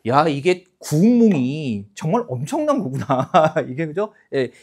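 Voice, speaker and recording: A man's voice: on the high side, breathy edge. A man in his fifties lecturing a class of exam-takers, chatty, checking in with the room and acting out students' lines. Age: 50s. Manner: animated, acts out students in put-on voices.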